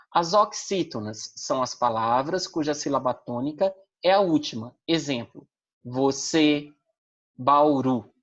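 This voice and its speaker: A woman with a Brazilian accent gives an online lesson in a low voice. She explains patiently and keeps checking in with short tag questions. The sound is dull and lo-fi. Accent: Brazilian Portuguese. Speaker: Portuguese language teacher. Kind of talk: online class lecture.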